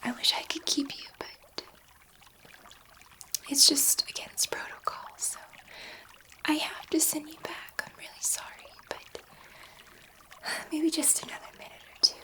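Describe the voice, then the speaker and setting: Playing a gentle, wonderstruck alien scientist for a whispered sci-fi ASMR roleplay, a woman speaks in a soft, breathy, reassuring way, pausing haltingly. Her voice sits high with little pitch movement, and her mood is wistful and tender.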